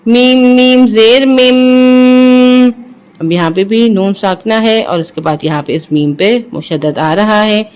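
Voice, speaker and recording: A patient teacher with a Pakistani Urdu accent stretches each syllable in slow, careful drills, then drops into brisk, lower explanations of the rules. The voice is smooth and resonant, and its pitch sits in an ordinary middle range. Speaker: Quran reading teacher. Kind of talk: slow letter-by-letter recitation drills with quick explanations.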